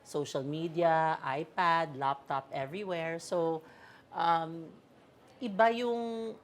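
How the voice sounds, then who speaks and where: A woman's voice: sits low, steady tone, takes it slowly. A woman speaking with an American-tinged Filipino accent, a chatty and playful interview guest who mixes English and Tagalog. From Philippines, raised in the United States. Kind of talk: casual Taglish chat. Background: background music.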